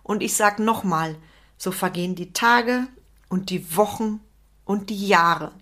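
A woman's voice: medium pitch, measured pace, sharp tone. Emphatic German woman coaching listeners. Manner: emphatic, repeats key phrases, addresses listener directly. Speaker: podcast host and business coach. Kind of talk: motivational podcast monologue.

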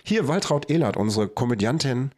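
A man's voice: medium pitch, very animated, fairly quick, darkish tone. A man hosting a podcast in casual chat, jokey and teasing, laughing often. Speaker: podcast host.

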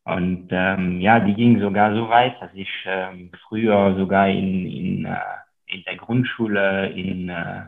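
A man in his thirties from Luxembourg, an investor and author appearing as a podcast guest, speaks with a French accent in a deep, gravelly voice that barely shifts in pitch. He talks a little slowly and hesitantly, filling gaps with lots of ums, over a tinny, phone-like line.

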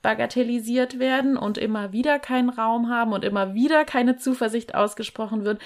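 A woman's voice: fairly high pitch, brisk. A woman hosting a podcast interview, engaged and conversational, reading out listener questions. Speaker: podcast host.

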